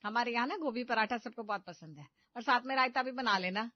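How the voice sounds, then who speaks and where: Woman voicing a loud exasperated mother-in-law, high and shrill, dry slightly dull recording. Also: a little fast, no room sound, lightly acted. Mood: weary. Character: scolding middle-aged mother-in-law.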